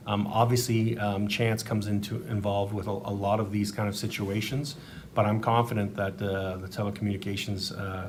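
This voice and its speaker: In an echoey room, a low-pitched man answers as an emergency official at a briefing. He sounds set back from the microphone. His delivery is formal and measured, with a halting flow. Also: distant mic, a little hiss or hum. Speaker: government emergency management official.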